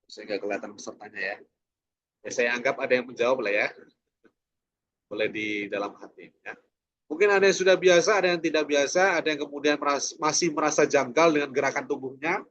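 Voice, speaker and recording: A man's voice: mid-range voice, fairly quick, a bit bright, lo-fi sound. A man teaching a preacher training class online, asking rhetorical questions and tagging his sentences with "ya". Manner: rhetorical questions, frequent "ya" tags.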